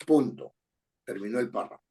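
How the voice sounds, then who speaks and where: Male writing teacher, husky and mellow, patient step-by-step explainer. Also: mid-range voice, moderate pace. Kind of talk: online class lecture.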